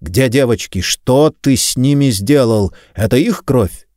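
A man voicing a gruff, aggressive male detective chief inspector who barks orders. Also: medium pitch, expressive, measured pace, a little mellow, no echo, studio quality, lightly acted. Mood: threatening. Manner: barking orders.

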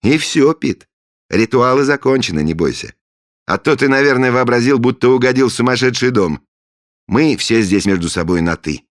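A man's voice: low-pitched, expressive, moderate pace, no echo, studio quality, voice pushed up. A man voicing a grandiose middle-aged leader of a secret order, who speaks in solemn, imperious pronouncements. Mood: hearty. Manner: solemn, imperious pronouncements, later loud and hearty. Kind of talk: audiobook character voice.

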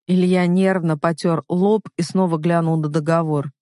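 A woman narrating an audiobook in the first person, telling the story in an expressive way. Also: fairly low pitch, moderate pace, dry recording, studio quality.

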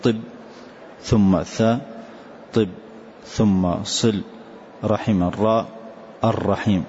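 A man acting as a sheikh in a classroom patiently repeats the line his student recited, then explains it. He speaks slowly and steadily in a fairly low, darkish voice, and the recording is dull and lo-fi with a faint hiss.

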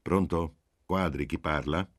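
A man's voice: very deep voice, a little slow, no echo. A man voicing a cautious older professor who speaks with doubt and hesitation, in an audiobook reading. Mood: doubtful. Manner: hesitant then yielding.

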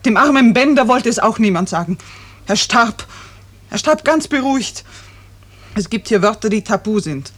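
In a noisy early-1950s German radio drama, an actress plays a seriously ill woman who is bitter and searching, wanting the truth. Her fairly high voice is expressive at normal speed, and her delivery is intense, reproachful, and wistful.

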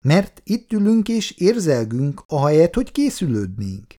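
A man's voice: a little high, sing-song, warm tone, voice pushed up. A man reading aloud and voicing a wry, grumbling older working-class husband with a dry sense of humor.

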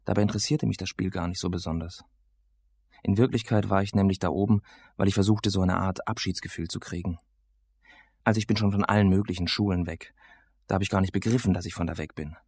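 A man's voice: deep voice, steady tone, fast talker, a little mellow, breathy edge, no room sound. A man reading a novel aloud as its casual, sardonic first-person teenage narrator. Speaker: audiobook narrator.

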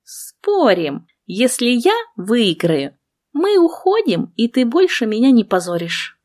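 Young witch friend, skeptical and teasing, higher voice, slow delivery, as a female narrator puts her on. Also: huge pitch swings, darkish tone, full character voice. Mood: sly. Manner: exasperated and teasing.

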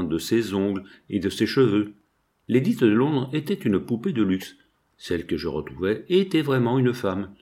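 A man reading a first-person literary novel as an audiobook, measured and expressive. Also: fairly low pitch. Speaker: audiobook narrator.

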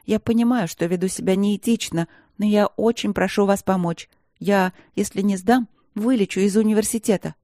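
A woman's voice: medium pitch, moderate pace, hardly any pauses, mellow, no room sound, studio quality, close to an everyday voice. A woman voicing a proud young princess student who pleads, sobs and lashes out in anger. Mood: pleading. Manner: pleading, then sobbing and angry.

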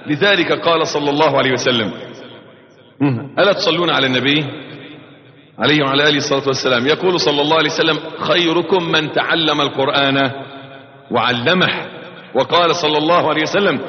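High-voiced Egyptian preacher in an echoey hall. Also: male voice, rapid-fire. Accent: Egyptian Arabic. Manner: swings between loud exhortation and quiet quotation, chants verses. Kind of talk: religious lesson. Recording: echoey hall, dull lo-fi tape.

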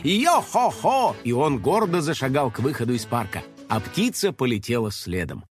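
A man narrating a children's audiobook in an expressive, playful way. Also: medium pitch, a little fast, soft background music.

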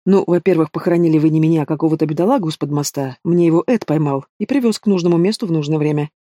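A man's voice: fairly high pitch, racing, dark tone, no room sound, studio quality, natural voice. A man voicing a sneering young male villain in an audiobook, taunting and drawling with casual menace. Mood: mocking. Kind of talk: audiobook character voice.

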